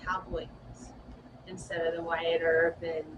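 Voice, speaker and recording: A woman's voice: lowish voice, monotone, measured pace, highs cut off. Chatty woman telling ghost stories. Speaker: shop owner and florist. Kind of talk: casual storytelling to ghost hunters. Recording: distant mic with loud background noise.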